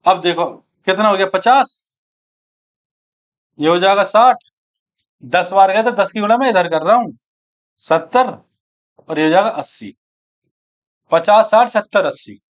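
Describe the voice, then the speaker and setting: A man's voice: high voice, a little slow, pauses often, lo-fi sound. A man teaching an exam-prep maths lesson, working through sums aloud and asking and answering his own questions. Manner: addresses students as friends and brothers.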